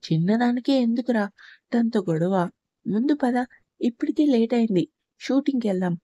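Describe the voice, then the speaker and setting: A man's voice: very high voice, normal speed, dry recording. A woman reading an easygoing young male friend. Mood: amused. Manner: joking, calm.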